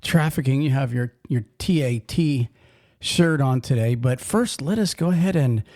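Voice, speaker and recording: A man's voice: medium pitch, expressive, moderate pace, darkish tone. A man hosting a casual trucking podcast, talking in a folksy, rambling way with frequent restarts. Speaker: podcast host.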